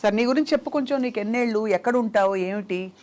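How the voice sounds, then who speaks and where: A young woman with a Telugu accent interviews a child in a playful, coaxing way, firing off short questions and gentle teasing. Her voice sits a little on the high side. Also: quick pace. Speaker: interview host.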